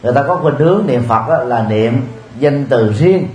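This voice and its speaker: A man delivers a Buddhist dharma talk in a steady, measured manner, pausing often with soft filler sounds. His voice sits in an echoey room with faint background noise. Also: medium pitch. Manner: measured, with frequent filler pauses. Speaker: Buddhist teacher. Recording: roomy with faint ambient noise.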